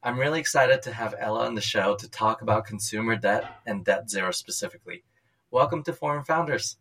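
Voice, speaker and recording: A man's voice: lowish voice, fairly quick, fairly bright tone, rough recording. Podcast host man reading his intro. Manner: upbeat, reads a prepared intro. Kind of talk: scripted intro and casual interview.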